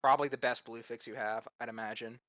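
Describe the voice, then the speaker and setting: A man's voice: medium pitch, fairly even intonation, quick pace, sharp tone. A man co-hosting a casual card game review, talking loosely and enthusiastically. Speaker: regular host.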